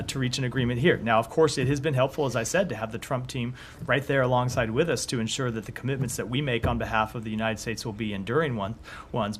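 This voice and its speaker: A man addresses reporters from a briefing-room podium, his voice roughened and hoarse. He speaks in a measured way, often restarting his sentences. A faint background noise sits under the podium mic. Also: mid-range voice. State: hoarse, coughing. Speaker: government spokesperson. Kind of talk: press briefing.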